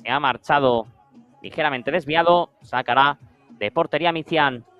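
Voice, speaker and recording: A man's voice: on the high side, normal speed, a bit bright, clean tone, highs cut off, soft background music. A man with a Spain Spanish accent giving live play-by-play of a beach football match in short descriptive phrases. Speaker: sports commentator.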